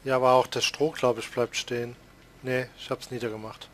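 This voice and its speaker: Fairly quick and flat, this mid-range, somewhat bright male voice carries a Palatinate German accent. He's a let's play host from the Palatinate casually chatting through a farming game, laughing frequently and teasing himself.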